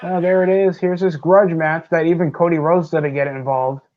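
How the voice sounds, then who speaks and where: Man panelist, casual chat, blunt and ranting, a bit high-pitched, dull muffled audio. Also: steady tone, normal speed. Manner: blunt, ranting, swears freely. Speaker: wrestling watch-along panelist.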